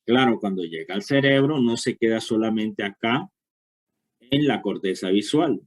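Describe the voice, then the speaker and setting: A man's voice: lowish voice, moderate pace. A man giving a university lecture, explaining step by step and checking understanding with frequent short questions.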